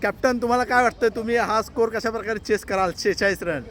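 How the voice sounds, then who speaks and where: A man's voice: high-pitched, fast talker, a bit bright, a little hiss or hum. A man giving playful, announcer-style commentary on a family cricket match outdoors, filmed on a handheld camera.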